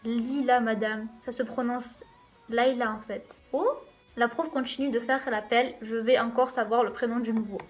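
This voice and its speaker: A woman's voice: on the high side, steady tone, moderate pace, faint music behind. A woman hosting a let's play, reading a visual novel's first-person narration aloud in a casual way with wry asides.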